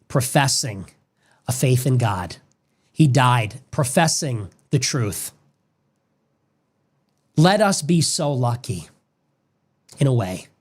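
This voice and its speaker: Played back from an original stream, this clip has a male political commentator with a husky, medium-pitched voice. His monologue on death and faith is grave and preacher-like, moving through long lists.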